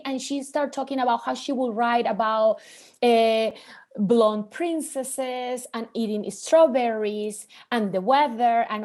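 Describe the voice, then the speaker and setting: A woman from Venezuela hosting an online panel conversation, talking with many hesitant restarts. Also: a little high. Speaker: host.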